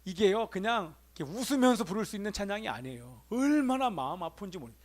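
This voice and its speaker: A man's voice: high voice, very animated, quick pace. A middle-aged male pastor giving a Sunday sermon in a church, preaching with emphatic rises and calling out to the congregation. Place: church sanctuary.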